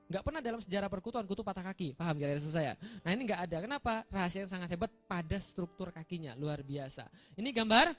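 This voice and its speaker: A young male preacher races through a joking sermon in a high, bright voice. He keeps quizzing the crowd and chuckling at his own punchlines, with faint music underneath. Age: young adult. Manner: playful, quizzing the audience and laughing at his own jokes. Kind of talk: humorous sermon with slides.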